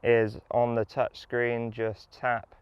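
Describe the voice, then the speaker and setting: A man's voice: mid-range voice, completely flat delivery, slow pace, clean tone, no echo, muffled recording. Enthusiastic man reviewing gear outdoors. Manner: enthusiastic, upbeat. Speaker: golf equipment reviewer. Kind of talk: casual product review while playing golf. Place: outdoors on a golf course.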